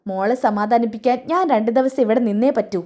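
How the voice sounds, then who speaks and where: A woman voicing a kind old grandmother who fusses and scolds in a high, lively voice. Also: fairly quick, lightly acted. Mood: fond, scolding.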